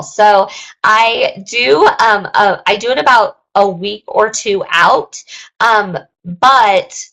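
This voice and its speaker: Young woman, webinar host, creaky voice going hoarse, chatty and rambling. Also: medium pitch, a bit bright, poor audio. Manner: rambling, lots of ums and likes. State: losing her voice. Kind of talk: casual webinar talk.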